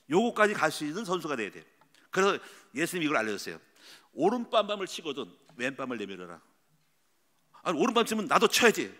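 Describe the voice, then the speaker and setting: A middle-aged man preaches in a long, ringing church hall. His voice runs fairly high and bright, with a sharp edge. It swings up and down a lot as he tells stories and drops into quoted voices. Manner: lively storytelling, acts out quoted voices. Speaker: pastor. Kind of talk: sermon. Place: church sanctuary.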